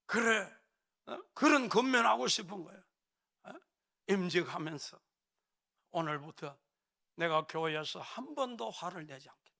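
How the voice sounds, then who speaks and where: Gravelly, bright-voiced preacher. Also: male voice, high voice, lively intonation, normal speed, pauses often. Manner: emphatic, prodding the congregation with frequent "eh?" tags. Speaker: pastor. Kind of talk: sermon. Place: church sanctuary.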